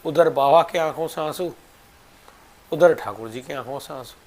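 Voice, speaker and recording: A man narrating a devotional story, moving between hushed and raised delivery. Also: fairly high pitch, moderate pace.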